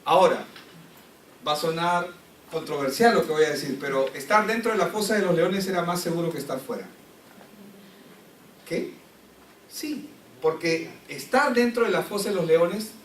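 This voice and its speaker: A man's voice: on the high side, slight background noise. A man teaching a Bible class who reads scripture aloud, explains it and asks his listeners questions. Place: church classroom. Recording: echoey room, distant mic, faint ambience.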